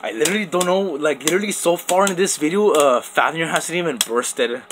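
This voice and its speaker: The toy battle channel host talks a little fast in a voice on the high side, background noise behind him. This young man, possibly a teen, rambles off camera over the top battles with many restarts and lots of "like" and "literally."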